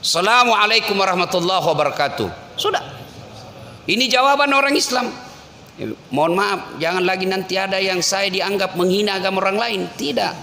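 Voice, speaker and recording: A man preaching with a bright, forceful voice that rings through a reverberant mosque hall. He tells stories and teases his listeners in a jokey, lively manner, set a little high for a man. A faint hiss sits under the long echo. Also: brisk. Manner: jokey storytelling, teasing the congregation. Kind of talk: humorous sermon. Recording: echoey hall with faint noise.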